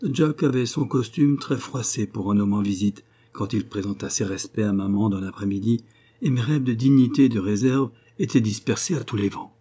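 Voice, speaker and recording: Man narrating a story in a husky voice. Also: on the low side, moderate pace, warm tone. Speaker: audiobook reader. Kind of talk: scripted narration.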